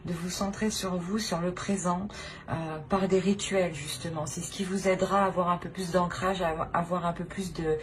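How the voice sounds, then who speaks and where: A woman hosting her own channel gives viewers an unscripted tarot reading in a lowish, steady voice at normal speed. She sounds hesitant, searching for words and repeating or rephrasing herself, with slight background noise behind her.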